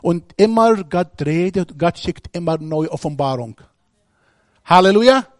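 A man's voice: high-pitched, lively intonation, a little slow, no room sound, clean studio sound. A man preaching a sermon, speaking emphatically and putting questions straight to the congregation.

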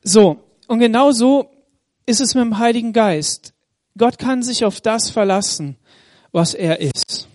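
A man preaching a sermon in Munich, reading Bible passages aloud and slowing down for emphasis. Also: very high voice, a little mellow, dry recording, studio quality. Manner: reads scripture aloud, slows for emphasis; addresses the congregation directly. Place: church in Munich.

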